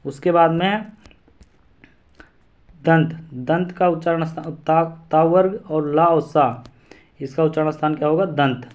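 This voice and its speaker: A man's voice: a little high, measured pace, pauses often, phone-quality sound. A man teaching an exam-prep lesson, repeating syllables and memory rhymes aloud to drill them in.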